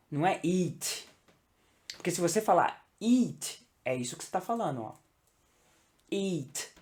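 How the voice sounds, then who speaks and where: A man's voice: sits high, a little mellow. Man giving a chatty language lesson. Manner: keeps checking in with "tá?" and "entendeu?"; slows down to model English sounds. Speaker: English teacher. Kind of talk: casual online language lesson.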